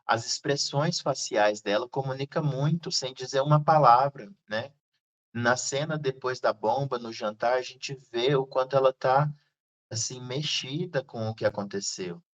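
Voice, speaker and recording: A man hosting a casual film discussion, speaking in a thoughtful, unhurried way with frequent fillers. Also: medium pitch. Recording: slightly dull lo-fi sound.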